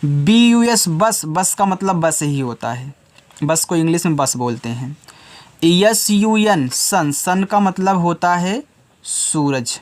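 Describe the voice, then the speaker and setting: A man teaching a slow, patient phonics lesson to children, spelling each word letter by letter and addressing the learners as children. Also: on the high side, lively intonation. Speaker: English teacher.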